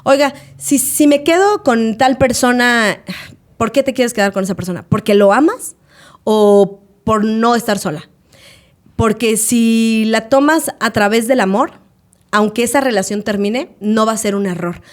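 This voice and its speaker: A woman's voice: on the high side, unhurried. A Mexican woman in her late thirties, a podcast co-host, telling stories in a casual chat and acting out the people she quotes. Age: late 30s. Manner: animated, acts out quoted voices.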